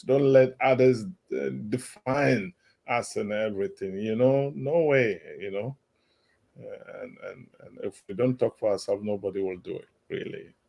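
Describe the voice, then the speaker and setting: A man's voice: mid-range voice, creaky, darkish tone. A man presenting in an online meeting, encouraging and emphatic with listeners. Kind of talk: online talk Q&A. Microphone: video call.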